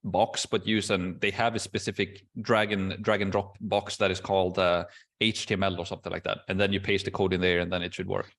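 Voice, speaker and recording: A man hosting a casual Q&A video call, explaining processes step by step in a relaxed way with many fillers. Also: sits low, brisk. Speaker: course host answering questions.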